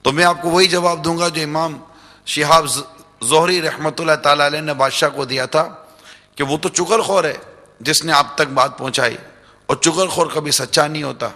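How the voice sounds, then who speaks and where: A male preacher with a somewhat high voice that has a gravelly edge, delivering a religious lecture in a large hall. He presses his listeners with direct questions and repeated phrases. A long hall reverb trails every word. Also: fairly even intonation, pushed and bright. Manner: addresses listeners directly with rhetorical questions and repetition. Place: large religious center hall, live broadcast.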